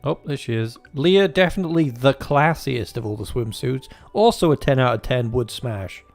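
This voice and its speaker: A man's voice: medium pitch, lively intonation, normal speed. Crude, joking male game commentator. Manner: crude, joking and rambling, with frequent restarts. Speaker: gaming video host. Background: faint game music.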